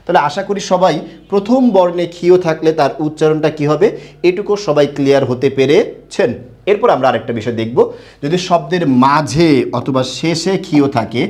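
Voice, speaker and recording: A man's voice: a little high, a little fast, a little mellow. A young man teaching a Bengali grammar class online, explaining step by step and asking his students questions.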